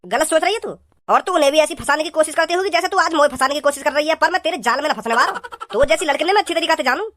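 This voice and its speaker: A woman voicing fast scornful cartoon guy. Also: sits high, expressive, fairly bright tone. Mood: mocking. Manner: scornful, rapid rustic banter. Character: rude mocking young man, quick-tongued and dismissive. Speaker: cartoon character Bhajji.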